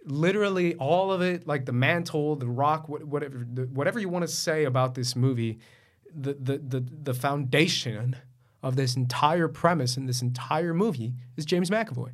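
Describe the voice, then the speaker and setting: A man's voice: fairly high pitch, normal speed. A man co-hosting a casual film podcast, chatting loosely and acting out quotes in exaggerated voices. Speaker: podcast co-host.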